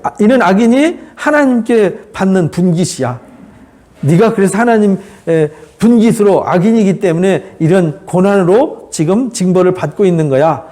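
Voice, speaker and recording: A man's voice: sits high, expressive, moderate pace, warm tone. A man doing a self-righteous accusing friend. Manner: lecturing, blaming.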